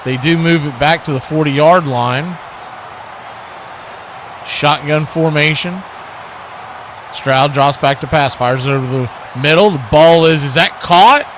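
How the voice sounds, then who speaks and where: Pitched on the high side and a bit bright, his voice goes unhurriedly with frequent pauses, and there's a little hiss or hum. He is a play-by-play commentator and watch party host calling live American football radio-style in clipped, punchy bursts with colourful action verbs.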